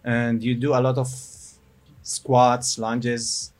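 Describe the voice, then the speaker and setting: A man's voice: mid-range voice, completely flat delivery, slow. A man from Jordan, a fitness guest answering casually, politely and a little hesitantly.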